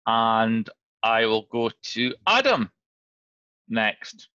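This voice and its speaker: A man's voice: lowish voice, big pitch swings, drawn-out words, sharp tone, clear, resonant tone, no room sound. A man facilitating a video call meeting, friendly and a little flustered as he works through names. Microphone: computer mic on video call. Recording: dull lo-fi video call audio.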